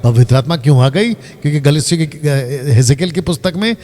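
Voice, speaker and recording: A man, a pastor teaching live from the Bible in an animated way, stopping his reader and quizzing the audience. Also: fairly high pitch, normal speed. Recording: long hall reverb.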